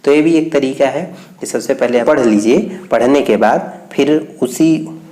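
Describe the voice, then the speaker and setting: With a medium-pitched, warm voice, a male teacher takes listeners through an English reading exercise, slowly reading out each English line and then explaining it.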